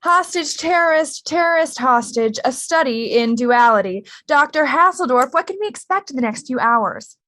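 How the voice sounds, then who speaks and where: A woman's voice: high voice, animated, moderate pace, few pauses, pushed and bright. A woman playing a chirpy female TV news anchor.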